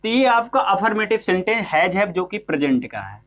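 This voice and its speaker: A man's voice: sits high, big pitch swings, brisk, fairly bright tone. A male English teacher giving a classroom-style grammar lesson, asking questions and answering them himself, and checking often that students follow. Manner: repeats "ठीक है?" to check on students.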